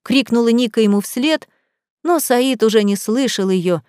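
A woman narrating a romance novel in a steady storytelling voice as an audiobook reader. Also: on the high side, normal speed, smooth, no echo, clean studio sound. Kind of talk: scripted narration.

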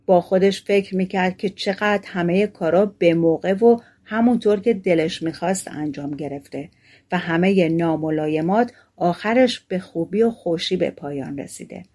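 A woman narrating a fairy tale audiobook in a calm, steady storytelling manner. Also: mid-range voice, husky.

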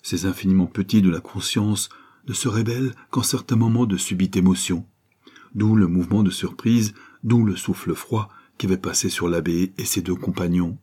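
Husky, low-voiced male narrator. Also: steady tone, normal speed, warm tone. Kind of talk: audiobook narration.

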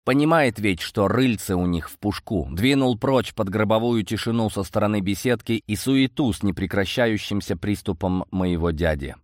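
A man's voice: on the low side, normal speed, few pauses, no echo, clean studio sound. A man narrating a first-person audiobook story.

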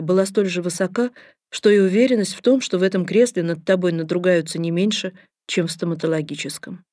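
A woman's voice: fairly low pitch, darkish tone, no room sound, clean studio sound. A woman narrating a first-person story as an audiobook reader, in a wry, ironic tone.

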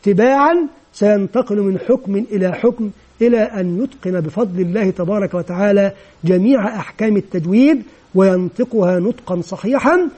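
A man training teachers of Quran recitation, explaining methodically step by step and patiently sounding out syllables slowly, over and over. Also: high voice, mellow, slightly rough. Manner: patient, spells out syllables slowly and repeats them. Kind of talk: instructional lecture.

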